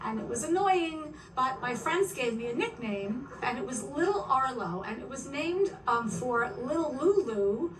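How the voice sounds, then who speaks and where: Older woman, a comic guest, animated storyteller who laughs a lot; fairly high voice, recorded from a distance in a roomy space. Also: unhurried, hardly any pauses, a crowd in the background. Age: about 70. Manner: animated, laughing, repeats words. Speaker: podcast guest, stand-up comic. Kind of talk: casual interview storytelling. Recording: roomy, distant mic, background noise.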